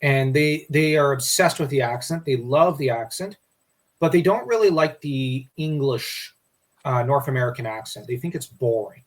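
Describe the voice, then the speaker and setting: A man's voice: mid-range voice, lively intonation, normal speed. A man co-hosting a casual history discussion, rambling and restarting his sentences. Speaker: podcast co-host.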